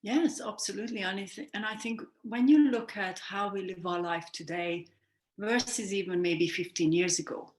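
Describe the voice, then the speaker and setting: A Hungarian sleep coach explains ideas in an earnest, reflective way during an interview, now and then correcting herself mid-sentence. Her voice is mid-range and moderately paced, heard with a roomy echo.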